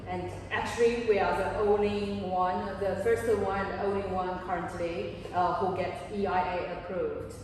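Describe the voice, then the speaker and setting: A woman's voice: mid-range voice, steady tone, normal speed, few pauses. Female interviewer, conversational questioning; recorded off-mic in a reverberant, noisy space. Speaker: interviewer from a condominium developer. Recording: echoey reverberant room, distant mic, background noise.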